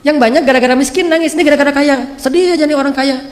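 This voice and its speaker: A man's voice: very high voice, rapid-fire. Guy giving a sermon, chatty and jokey, lots of reverb from the hall. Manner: casual, joking storytelling with acted quotes. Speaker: preacher.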